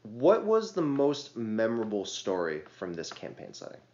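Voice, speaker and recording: Man, podcast host, lively low voice, joking questions, roomy lo-fi sound. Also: normal speed. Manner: joking, punny. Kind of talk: casual interview. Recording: roomy, dull lo-fi podcast audio.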